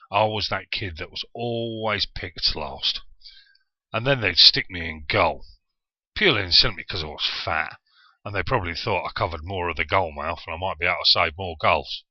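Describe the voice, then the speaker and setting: A man's voice: low voice, no echo, muffled recording. A man in his forties from Yorkshire with a southern English accent, telling a personal story in a chatty, self-deprecating way. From Yorkshire, England. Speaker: vlogger.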